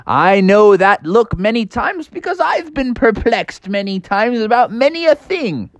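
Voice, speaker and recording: A woman voicing a courtly old male bunny rabbit gentleman in a bedtime story, speaking in a high, old-fashioned way. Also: very animated, unhurried, no room sound. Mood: genial.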